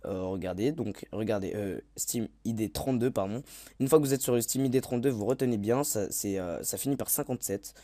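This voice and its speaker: A man's voice: lowish voice, dark tone, dry recording. A man giving a casual video game tutorial voice-over, hesitant, with many fillers and self-corrections. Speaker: gaming tutorial YouTuber.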